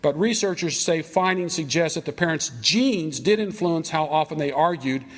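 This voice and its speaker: Male Bible teacher, higher voice, rambling anecdotal lecture in a reverberant hall. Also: normal speed. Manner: storytelling with frequent restarts.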